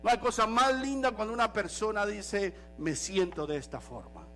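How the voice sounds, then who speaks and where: A male pastor delivers an animated sermon and tosses in the odd English phrase. His voice sits high for a man. Soft music plays faintly behind him. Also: moderate pace.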